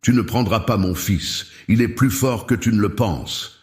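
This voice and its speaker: An anguished mother fighting for her child in an audio story, pleading and firm by turns, voiced by a man. The tone stays low-pitched and the room echoes. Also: unhurried, lightly acted. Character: desperate determined young mother. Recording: roomy echo.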